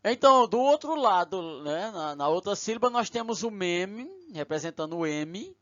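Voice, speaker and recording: A man's voice: sits high, animated, normal speed, a bit bright, no echo. A man, lecturing patiently step by step and often checking in with his listeners. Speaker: teacher. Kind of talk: recorded lecture. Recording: dull lo-fi recording.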